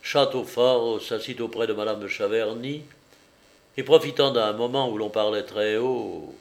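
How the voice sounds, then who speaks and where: A man narrating a classic novel in a measured audiobook reading. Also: lowish voice, gravelly, darkish tone.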